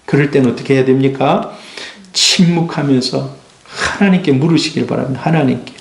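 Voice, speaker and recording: A man's voice: mid-range voice, a little fast, vocal fry. Man, pastor, sermon, emphatic, rhetorical questions, roomy church echo. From South Korea. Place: church sanctuary. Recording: echoey church hall.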